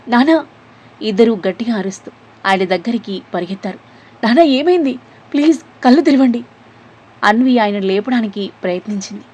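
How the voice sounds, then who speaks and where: A woman narrates an emotional serialized story with a breathy, airy tone. She carries the plot along and slips into the characters' lines as she goes. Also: mid-range voice. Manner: voices the characters' quoted lines herself.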